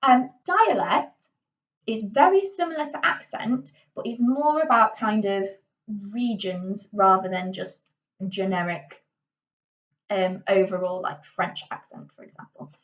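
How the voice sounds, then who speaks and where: An unhurried, medium-pitched woman teaches a casual drama lesson in her Yorkshire accent, being from Yorkshire, England. She chats away with many ums and self-corrections. The mic is distant and the sound muffled.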